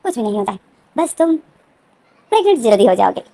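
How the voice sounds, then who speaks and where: A woman's voice: on the high side, very animated, quick pace, mellow, no room sound. A woman voicing a teasing, persistent young man who is playful and smug. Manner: teasing and insistent.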